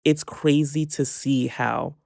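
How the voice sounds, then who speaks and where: Gravelly New man talking gossip. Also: mid-range voice, steady tone, slow pace, a little mellow, no room sound, studio quality. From New York. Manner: earnest, emphatic opinions. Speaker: podcast co-host. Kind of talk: casual gossip chat.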